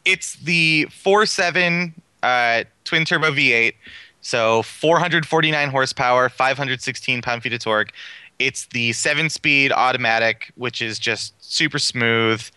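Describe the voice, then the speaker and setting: A man's voice: medium pitch, a little slow, sharp tone, clear, resonant tone, no echo. A man reviewing a car in casual podcast chat, enthusiastic and rambling with fillers.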